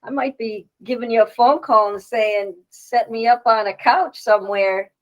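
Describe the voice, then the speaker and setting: A woman hosting a casual radio interview, upbeat and quick with enthusiastic interjections. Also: fairly high pitch, fairly even intonation, lo-fi sound. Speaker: radio show host.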